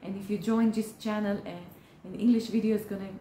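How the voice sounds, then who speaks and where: With a mid-range voice and flat delivery, a mellow, earnest woman, a therapist whose first language is Hebrew, gives direct-to-camera advice. She's encouraging yet halting, frequently restarting, recorded with roomy echo and slight background noise.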